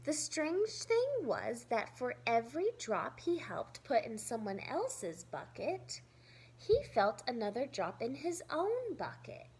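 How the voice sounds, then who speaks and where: A woman's voice: a little high, wildly swooping pitch, takes it slowly, darkish tone, slightly rough, rough recording. A woman teacher reading a children's story aloud expressively, with simple asides explaining it to young listeners.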